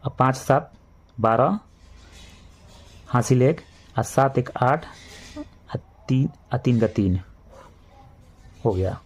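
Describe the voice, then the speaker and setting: A man's voice: mid-range voice, animated. Hindi-accented male maths teacher explaining step by step. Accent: Bihari Hindi. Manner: slow, repetitive step-by-step explaining, addresses children. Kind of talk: classroom maths lesson.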